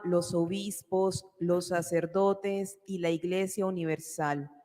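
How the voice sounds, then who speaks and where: A woman reading the prayers of the faithful at mass in a steady, formal way, with a cathedral echo around her voice. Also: lowish voice. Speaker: lay reader. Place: large church. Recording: long church reverb.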